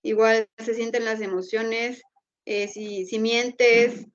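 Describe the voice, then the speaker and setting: A woman's voice: fairly high pitch, steady tone, slow pace. Woman arguing a point over a muffled call. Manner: earnest, listing points with fillers. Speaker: debate participant. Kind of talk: presenting an argument. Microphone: video call.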